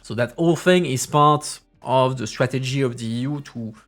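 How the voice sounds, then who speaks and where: Male streamer at a mid-range pitch, casual and thinking aloud, reads the news straight and then riffs on it dryly, with faint music underneath. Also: normal speed, a bit bright. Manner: reads articles aloud then breaks into loose, sarcastic asides; hesitant, many fillers and restarts while thinking aloud.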